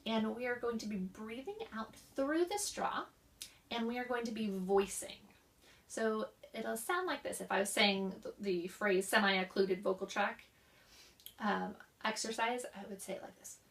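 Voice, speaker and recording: A young woman who works as a voice instructor explains voice therapy exercises and demonstrates them herself with coughs, sighs and slow, linked speech. Her voice is fairly high, and she is recorded from a distance.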